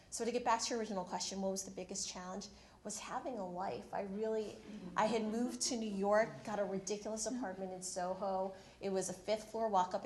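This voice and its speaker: A Filipino woman in her thirties shares her career story on a panel at a university event room, candid and self-deprecating. Her voice is medium-pitched, and the audio sounds roomy.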